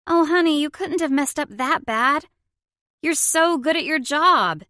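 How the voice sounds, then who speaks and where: A woman's voice: on the high side, expressive, moderate pace, fairly bright tone, dry recording, studio quality. A woman voicing a fiery, protective young mother in an audiobook, brash and outspoken. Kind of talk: audiobook character voice.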